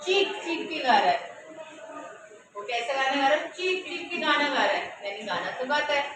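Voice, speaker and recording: A woman's voice: high voice, expressive, normal speed. A woman teaching a grammar lesson, asking questions and answering them herself. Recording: echoey room from far off with noise.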